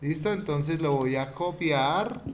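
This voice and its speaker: A man teaches a children's class over a video call, talking slowly and repeating each instruction with patience. His voice sits a little high, and a faint noise runs under the recording.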